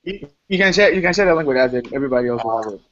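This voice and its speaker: A man's voice: medium pitch, expressive, rapid-fire, fairly bright tone. A man hosting a casual online discussion, upbeat and friendly, often laughing. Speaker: host. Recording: dull lo-fi online call audio.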